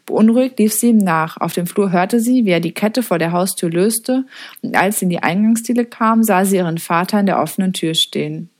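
A woman's voice: mid-range voice, fairly quick. Woman reading a storybook aloud. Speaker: audiobook narrator. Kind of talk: scripted storybook narration.

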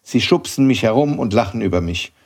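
A man's voice: medium pitch, expressive, a little fast. A man doing a shy, earnest schoolboy. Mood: timid. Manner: quiet, earnest, hesitant. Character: shy timid young schoolboy. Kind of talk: audiobook reading.

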